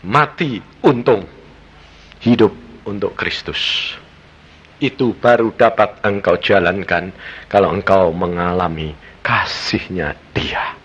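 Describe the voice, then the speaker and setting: A man preaching a sermon as an evangelist, with a Javanese-tinged Indonesian accent, telling stories animatedly and swinging from loud exclamations to hushed lines. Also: low-pitched, takes it slowly, slightly rough, dull audio. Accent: Javanese-influenced Indonesian.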